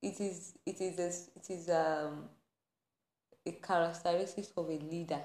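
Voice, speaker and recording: A woman's voice: fairly low pitch, fairly even intonation, moderate pace, darkish tone. A woman podcast host in a passionate faith-based rant, laughing between points and building to anger. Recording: roomy echo.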